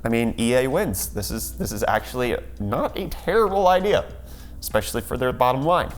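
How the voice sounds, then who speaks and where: A man's voice: medium pitch, expressive, fairly quick, faint music behind. A man hosting a casual tech news rundown, sarcastic and full of jokey segues.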